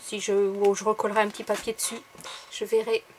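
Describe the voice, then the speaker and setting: A woman's voice: mid-range voice, little pitch movement, a little fast, darkish tone, a little hiss or hum. A woman chatting casually to viewers as she shows off craft supplies she bought, with lots of fillers and asides. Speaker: craft vlogger. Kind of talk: casual haul video.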